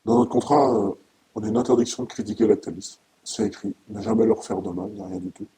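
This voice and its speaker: A middle-aged French man, a farmer giving halting interview testimony, his voice disguised by deep pitch-shifting. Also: fairly even intonation, creaky, mellow, slight background noise, poor audio. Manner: halting, with repeated words and long hesitations.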